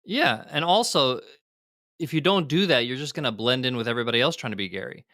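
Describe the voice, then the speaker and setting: A man's voice: medium pitch, animated, fast talker, sharp tone, no echo, clean studio sound. A middle-aged man, a guest entrepreneur, speaking candidly in a casual podcast interview with frequent fillers and restarts. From United States.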